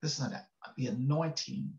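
Speaking a little fast in a creaky, darkish, medium-pitched voice, an older pastor delivers a folksy, casual devotional from his bookshelf-filled home study. He laughs softly and checks on his listeners, his webcam audio on the video call echoey and a bit dull.

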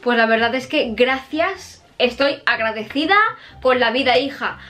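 A young Spanish woman with a high-pitched voice and a Spain Spanish accent, talking to her viewers in a casual question-and-answer vlog. She is lively and chatty, blunt and quick to swear.

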